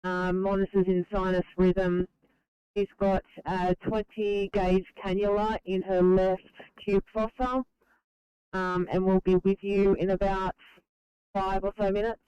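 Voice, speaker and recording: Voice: mid-range voice, little pitch movement, a little slow, darkish tone, clean tone. An ambulance worker giving a medical report over two-way radio. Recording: dry, muffled radio audio.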